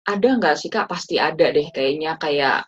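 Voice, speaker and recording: A woman hosting a casual faith talk, relaxed and chatty, with many fillers as she asks her guest questions. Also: low voice, moderate pace, slightly rough. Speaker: host. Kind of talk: casual podcast interview. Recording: dull lo-fi sound.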